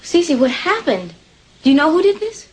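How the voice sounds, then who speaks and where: A woman's voice: mid-range voice, brisk, husky, close to an everyday voice, rough recording. An actress playing a worried, devoted woman of the household in a 1980s soap opera, speaking earnestly and solicitously. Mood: worried, caring.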